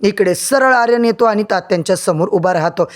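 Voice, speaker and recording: A man's voice: high-pitched, brisk. A man narrating a drama serial recap, addressing viewers and building suspense.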